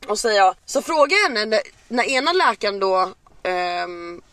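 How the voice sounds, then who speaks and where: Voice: mid-range voice, expressive, sharp tone, no room sound. A podcast co-host telling a personal story in casual chat, swearing often and acting out their own and others' lines with lots of fillers. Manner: restless, halting, filler-heavy telling.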